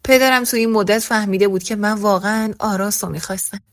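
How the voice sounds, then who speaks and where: A woman's voice: medium pitch, no echo. Woman narrating a story in a dry booth. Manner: voices every character in the same even narrating voice. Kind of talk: scripted first-person story narration.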